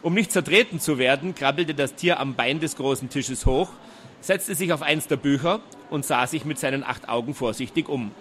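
A man narrating a storybook audiobook in a lively way, doing all the voices himself. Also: a little high, normal speed, a little hiss or hum.

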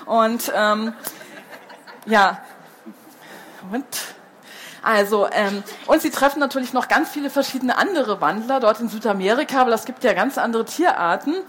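A woman reading a children's book aloud with a fairly high voice, and pausing to chat with some hesitant fillers between passages. There is a faint hum of room noise behind her. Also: a bit bright. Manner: hesitant with fillers when speaking freely. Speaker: storyteller.

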